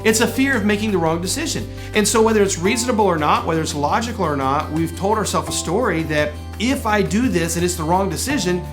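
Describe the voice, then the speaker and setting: A man's voice: sits high, lively intonation, fast talker, few pauses, over music. A middle-aged man hosting a podcast, giving an earnest, emphatic motivational talk full of rhetorical questions. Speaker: podcast host and personal development coach.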